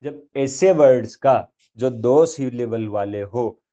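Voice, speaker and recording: Male teacher, unhurried, warm low tone, lo-fi sound, drawls example words. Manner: explains step by step, says example words slowly and drawn out; checks in often with "thik hai" and "dekho". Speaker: English teacher. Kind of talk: grammar lesson.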